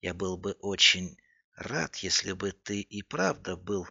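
A steady middle-aged official, as a male narrator voices him, measured and serious. His low, gravelly voice has a bright edge, in a dull lo-fi recording. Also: heavily acted.

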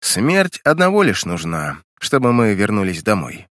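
A man's voice: lowish voice, wildly swooping pitch, a little slow, fairly bright tone, no room sound, clean studio sound, heavily acted. A man putting on a grumbling old engineer. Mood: gloomy. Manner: grumbling, matter-of-fact. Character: grumpy old legless male ship engineer.

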